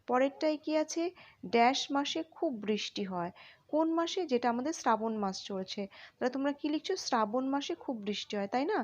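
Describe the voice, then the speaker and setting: A woman's voice: high voice, darkish tone, highs cut off. A woman teacher from West Bengal, India, explaining a school worksheet to young children, patiently asking questions and answering them herself.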